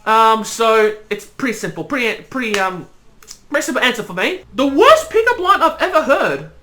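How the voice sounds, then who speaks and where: High, lively young Australian woman. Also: normal speed, slight background noise. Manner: rambling, repeats herself often. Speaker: YouTuber. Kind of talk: casual Q&A chat.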